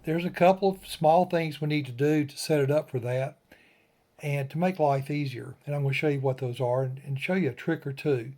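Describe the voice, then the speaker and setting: Brisk and fairly high-pitched with a darkish tone, the man leads a ham radio tutorial in a down-home, plain-spoken style. He moves through his informal demonstration step by step in short bursts.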